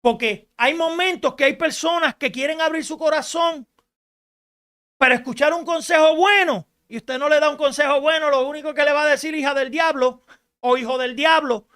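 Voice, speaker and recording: A woman preaching a radio sermon in an emphatic style, rising to shouts and asking rhetorical questions. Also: sits high, normal speed.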